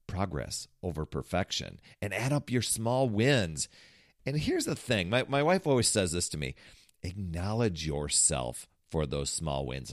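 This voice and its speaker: Male podcast host, deep-ish, animated motivational coach delivery, dry booth sound. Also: no room sound. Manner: energetic, pitchy, salesy sign-offs. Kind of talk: upbeat motivational podcast monologue.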